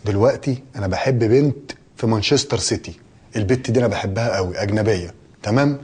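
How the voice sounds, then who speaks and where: A brash, fast-talking brother. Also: male voice, lowish voice, darkish tone, husky. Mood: impatient. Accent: Egyptian Arabic. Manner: brash, impatient. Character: brash, naive young man chasing a foreign girl. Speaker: younger brother. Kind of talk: comedy sketch acting.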